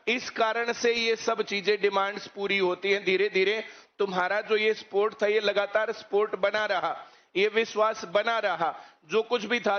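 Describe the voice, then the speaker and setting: A man, a coaching teacher who lectures students on current issues and keeps asking rhetorical questions. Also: sits high. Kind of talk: speech to students. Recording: muffled lo-fi recording.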